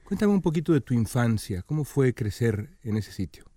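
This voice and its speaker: A man hosting an interview, asking reflective questions in a measured way. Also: mid-range voice, big pitch swings, warm tone, no room sound. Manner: measured, reflective, stumbling on restarts.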